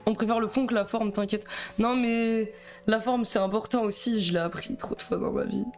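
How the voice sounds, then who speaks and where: Faint music sits behind a young Belgian French–accented man whose high, slightly mellow voice holds a steady tone at normal speed. Nervous and rambling, he stammers and laughs his way through a casual chat on a live stream.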